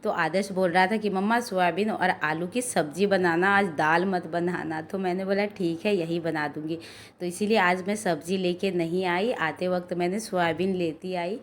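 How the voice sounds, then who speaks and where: Hoarse chatty woman vlogging at home. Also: lowish voice, steady tone, normal speed, a little hiss or hum. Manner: chatty, rambling, frequent filler "ना". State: hoarse from a sore throat. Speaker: vlogger and mother. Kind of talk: casual cooking and daily-life vlog narration. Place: home kitchen.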